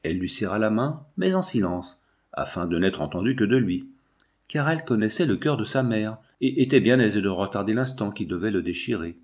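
A man's voice: fairly low pitch, animated, darkish tone. Solemn male audiobook narrator. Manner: measured, solemn reading. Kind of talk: scripted narration of a classic novel.

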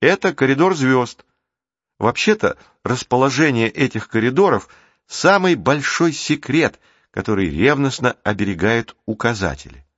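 A man's voice: medium pitch, big pitch swings, moderate pace, a bit bright, dry recording. A man reading the part of a confident, matter-of-fact girl guide, in a dry, dull recording.

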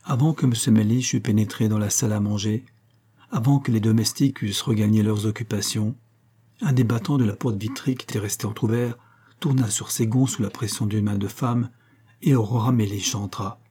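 A man reading a classic novel aloud in a steady, measured narration. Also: lowish voice, slightly rough. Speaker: audiobook reader.

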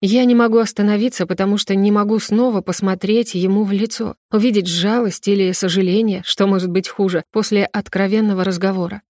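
A woman's voice: mid-range voice, steady tone, a little fast, few pauses, darkish tone, dry recording, studio quality. A young woman reading a novel aloud in the first person, her telling emotional and tearful. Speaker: audiobook narrator. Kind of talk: first-person scripted narration.

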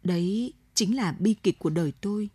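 A woman reading the part of a remorseful young man, earnest and emotional, in a storybook tale. Her husky, dark tone lifts a little for his cries, recorded dry and close. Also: mid-range voice, moderate pace, no room sound, close to an everyday voice.

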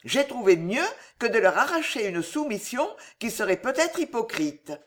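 A woman's voice: on the high side, big pitch swings. A woman voicing an icy scheming queen mother. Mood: persuasive. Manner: measured, persuasive, coolly triumphant. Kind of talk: audiobook character reading.

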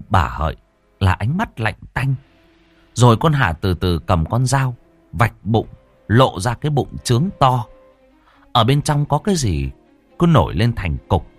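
A male storyteller, his voice low-pitched and husky, swinging widely in tone as he narrates a horror tale. The recording is dry and close, with faint music underneath. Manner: expressive, theatrical delivery.

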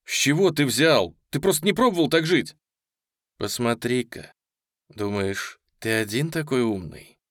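A man's voice: medium pitch, animated, a bit bright, no room sound, studio quality. A man voicing a menacing young gunman. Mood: cold. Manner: coarse, menacing, slow and cold at times.

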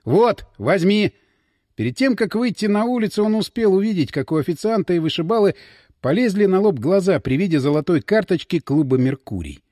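Brief: male narrator, fairly high voice, very lively pitch, dry close mic. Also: fast, no room sound. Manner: expressive, dramatic reading. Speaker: audiobook narrator. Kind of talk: scripted narration.

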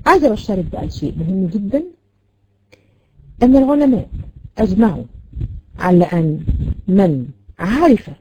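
A woman's voice: fairly high pitch, mellow. A woman with an Egyptian Arabic accent teaching a Quran recitation lesson, explaining with many fillers and repeated questions to her students. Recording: dull lo-fi recording with noise.

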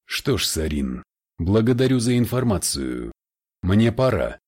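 A man's voice: fairly low pitch, big pitch swings, measured pace, a little mellow, breathy edge, full character voice. A man voicing a dry reserved mage. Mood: dry restrained. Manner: dry, restrained.

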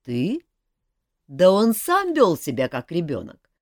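A woman voicing a good-humoured, teasing young king in an audiobook, with a lively delivery. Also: on the low side, takes it slowly, no room sound, studio quality, voice pushed up, full character voice. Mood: reassuring.

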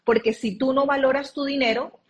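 A woman's voice: high-pitched, steady tone, a little fast. A woman speaking as an interview guest over a video call, earnestly explaining and drawing on her own experience.

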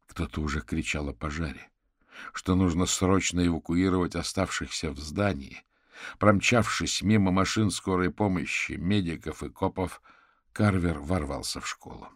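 A man narrating an audiobook in a steady, measured reading. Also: sits low, no room sound, clean studio sound. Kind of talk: scripted narration.

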